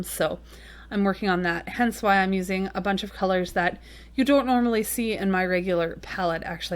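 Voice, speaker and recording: A woman talking casually through a watercolor painting tutorial, chatty and rambling with frequent ums and little apologetic asides. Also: mid-range voice. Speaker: watercolor card-making tutorial host.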